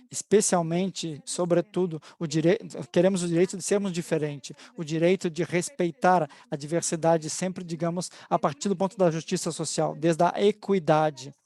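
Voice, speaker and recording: A Spanish woman in her forties summarizes a webinar panel in Portuguese over a video call from home, with a Spanish accent. Her low, mellow voice is hesitant and thoughtful, full of restarts and fillers.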